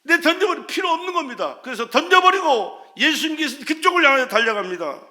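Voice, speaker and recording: A man preaching a sermon as pastor, with impassioned delivery that swings from shouted cries to hushed, quiet lines. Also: very high voice, big pitch swings, fairly quick.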